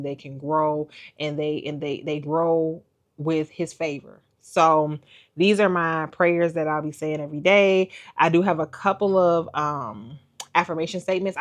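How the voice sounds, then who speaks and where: A woman vlogging casually to her viewers, chatty and expressive, with a faith-filled, folksy way of talking. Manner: chatty, expressive, acts out quoted voices with big pitch jumps. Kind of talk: casual talk to camera.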